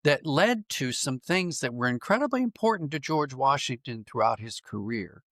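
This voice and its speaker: A writer and dramatist appears as a podcast guest, speaking reflectively and conversationally, thinking aloud and correcting himself. His voice is medium-pitched, expressive and fairly bright at normal speed, captured in clean studio sound with no echo.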